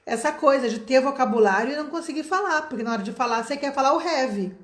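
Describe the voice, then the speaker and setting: A middle-aged woman from Brazil teaching an online English lesson, explaining patiently and slowing down to sound out example sentences. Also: high-pitched, echoey room.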